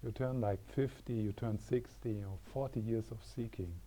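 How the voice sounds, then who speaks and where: A man teaching meditation, telling a parable gently with many repetitions. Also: fairly low pitch, moderate pace, rough recording. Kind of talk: spiritual teaching talk. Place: workshop room.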